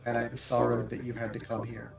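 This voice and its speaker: A man's voice: mid-range voice, monotone, fast, creaky, over loud music. A man doing a mournful statue spirit through a voice changer. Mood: sorrowful. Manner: solemn, archaic phrasing. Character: sorrowful ancient female statue spirit. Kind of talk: game master voicing a character.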